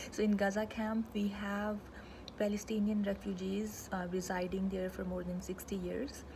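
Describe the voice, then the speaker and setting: A woman's voice: medium pitch, level tone, moderate pace, creaky, background noise. A woman, born in Pakistan and raised in Canada, explaining human rights in an informal talk, going through them one at a time. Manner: conversational, walks through items one by one.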